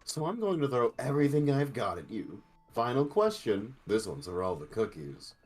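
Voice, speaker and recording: A man's voice: medium pitch, very animated, normal speed, a little mellow, slightly rough, faint music behind. A man speaking playfully in jokey, improvised comedic role-play and banter.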